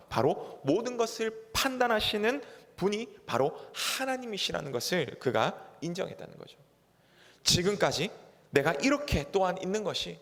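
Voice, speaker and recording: A pastor giving an earnest, emphatic sermon in a church sanctuary. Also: male voice, a little high, a bit bright. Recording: reverberant church hall.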